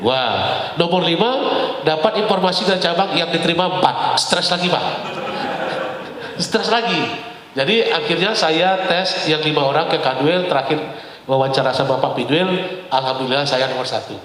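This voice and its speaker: A man from West Sumatra telling a lively personal story as a talk show guest, laughing often and often addressing the host as "Pak". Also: on the high side, moderate pace. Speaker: guest speaker. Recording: echoey hall reverb.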